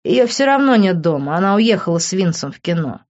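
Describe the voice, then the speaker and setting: A man's voice: high voice, sing-song, brisk, darkish tone, lo-fi sound. A reader voicing a sarcastic, teasing young man who mocks his friend in an audiobook. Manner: teasing, ironic.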